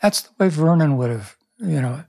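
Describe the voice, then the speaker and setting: A slightly high, expressive voice, mellow and husky with vocal fry, comes from a pastor and author in his seventies speaking at normal speed. Reflecting in an interview, he tells stories thoughtfully and keeps restarting his sentences. A boom-arm studio microphone captures him in a small indoor room.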